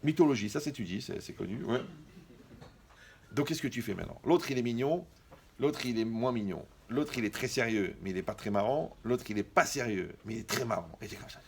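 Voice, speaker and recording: A man's voice: mid-range voice, animated, brisk, gravelly, slight background noise. A man performing a stand-up comedy monologue, acting out dialogues with mocking asides.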